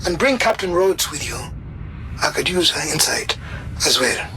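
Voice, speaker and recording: A man's voice: a little high, lively intonation, normal speed, bright, forceful tone, a little hiss or hum, low-quality recording. An actor playing an irritable, impatient male scientist in a video game, brusque and demanding. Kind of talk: scripted video game dialogue.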